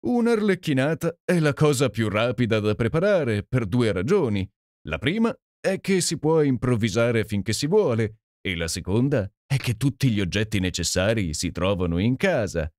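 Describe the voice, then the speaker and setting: A man reading an audiobook and voicing a boisterous, jovial Canadian gentleman with a hearty, exclamatory manner. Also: medium pitch, very animated, normal speed, dry recording, lightly acted. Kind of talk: audiobook character voice. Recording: dry close sound.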